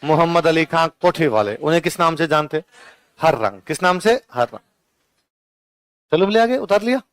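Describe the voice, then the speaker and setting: A male teacher with a Rajasthani Hindi accent, pitched a little high, gives an exam-prep lecture. He fires off questions and answers them himself, then slows down to dictate notes line by line. His voice is clear and resonant in a dry, close recording. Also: very animated, no room sound. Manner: dictates notes slowly, repeating each line.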